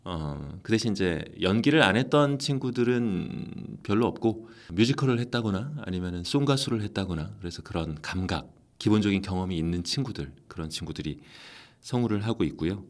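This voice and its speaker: Lively low-voiced Korean man voice actor. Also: brisk. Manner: animated storytelling, acts out quoted lines. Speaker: voice actor and academy head. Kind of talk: casual interview answers.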